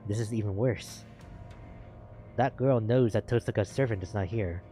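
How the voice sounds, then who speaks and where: A man streaming a visual novel, reading its text aloud at a steady pace and breaking off for casual asides. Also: lowish voice, normal speed, soft background music.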